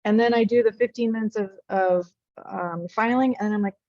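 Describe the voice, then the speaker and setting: A woman's voice: mid-range voice, normal speed, dry recording. A woman joining a course discussion in a casual, chatty way, often saying like. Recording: dry, muffled audio.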